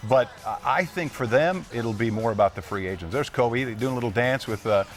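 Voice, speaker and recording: Fast-talking male parade commentator. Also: medium pitch, soft background music. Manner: conversational, frequent restarts and interjections. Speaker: parade commentator, sports analyst co-host. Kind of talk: live parade commentary, casual sports chat.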